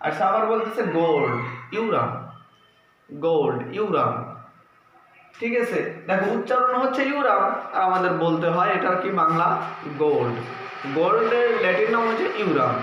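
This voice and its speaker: A man teaching a class, explaining slowly and asking questions that he answers himself. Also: sits high, expressive. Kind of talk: classroom lesson. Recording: echoey room, slightly dull sound with faint noise.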